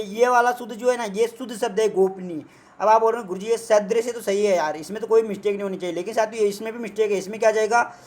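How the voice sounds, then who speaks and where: A young man teaching an online exam prep lesson, repeating himself and acting out his students' doubts before answering them. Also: high voice. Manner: acts out students' doubts in a mock voice. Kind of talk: online test walkthrough lesson.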